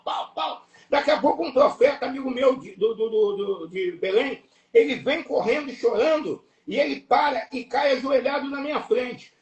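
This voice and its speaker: A man with a Brazilian Portuguese accent preaching an impassioned sermon, emphatic and repetitive, breaking into shouts. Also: very high voice. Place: church or live stream hall. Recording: echoey room, voice from far off.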